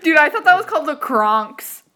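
A woman's voice: high voice, very animated, normal speed, sharp tone, a little hiss or hum. A young woman co-hosting a podcast, chatting casually and telling rambling stories with lots of giggling. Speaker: podcast co-host. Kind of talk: casual chat.

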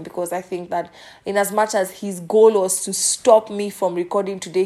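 A woman's voice: mid-range voice, warm tone. A middle-aged woman hosting a devotional podcast, talking earnestly in a preachy way. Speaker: podcast host.

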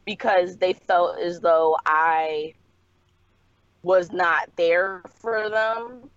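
A woman's voice: fairly low pitch, steady tone, extremely slow, no room sound, highs cut off. A woman calling in on a call line that keeps breaking up and cutting out, candidly telling a personal story in casual chat. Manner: candid, matter-of-fact storytelling. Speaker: caller. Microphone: phone call.

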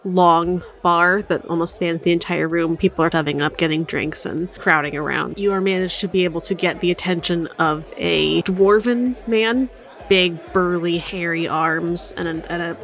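A woman's voice: fairly low pitch, fairly even intonation, normal speed, fairly bright tone. A woman narrating as game master of a tabletop game, describing scenes in a casual, rambling way.

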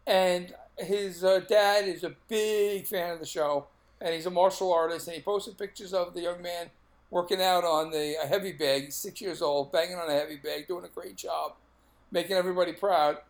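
Male podcast co-host, Brooklyn accent, middle-aged, casual talk, raised pitch with plenty of fry. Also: steady tone, moderate pace. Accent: Brooklyn, New York.

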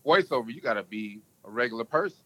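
A man appearing as a podcast guest tells stories in a casual, emphatic interview style. His voice is animated and sharp in tone, can go deep, and moves at a quick pace. The recording is dry.

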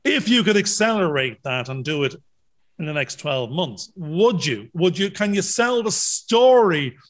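A man with a fairly high voice chats as an interviewer. He talks informally and often slips into imagined quotes to illustrate his point. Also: sing-song, a little slow. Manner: talks in acted-out hypothetical quotes. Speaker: interviewer, former accountant. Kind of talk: casual interview chat.

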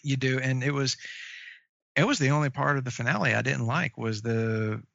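A man co-hosting a casual chat about comic book shows, halting and full of fillers and restarts. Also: medium pitch, vocal fry, a bit bright, no room sound. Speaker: podcast co-host. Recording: dry, dull lo-fi sound.

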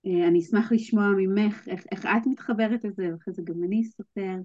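A woman's voice: mid-range voice, steady tone, a little mellow, no echo, dull audio. A woman hosting a podcast in a chatty, upbeat way, with frequent fillers. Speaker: podcast host. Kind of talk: casual podcast chat.

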